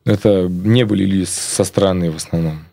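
A man's voice: low voice, brisk, vocal fry, warm tone, no echo. A man speaking as a sports coach in a casual radio interview, blunt and informal. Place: radio studio.

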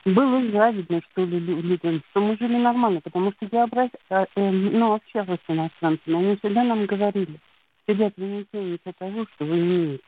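A woman's voice: medium pitch, brisk, phone-quality sound, a little hiss or hum. A woman caller earnestly giving her opinion on a live show over a poor phone connection. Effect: phone sound.

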